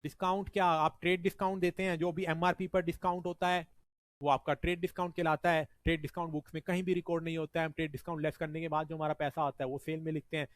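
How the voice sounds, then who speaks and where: A man's voice: a little high, little pitch movement, fast talker, no echo. A man teaching a revision lecture. He explains step by step and often adds "ठीक है जी" as a check-in. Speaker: accounting teacher.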